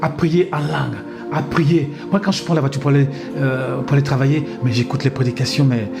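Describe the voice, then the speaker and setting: A man's voice: medium pitch, fairly even intonation, a little fast, gravelly. A man in his fifties, a pastor, giving an emphatic, repetitive sermon full of amens and hallelujahs. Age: 50s. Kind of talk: exhorting sermon talk with his wife. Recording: music playing underneath.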